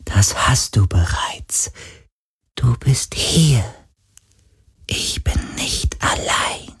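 A fading ancient sea spirit, its voice lifted high above the storyteller's own and drawn out very slowly. The words come breathy and airy, often sinking into frightened whispers, as a man puts it on for a reading. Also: sing-song, no room sound, studio quality, soft background music, heavily acted. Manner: slow, lamenting, childlike wonder. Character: dying ancient sea spirit, glowing sphere, mournful.

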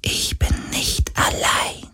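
Ancient lonely sea spirit, put on by a male narrator, breathy hushed whisper, slow, storybook. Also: faint music behind.

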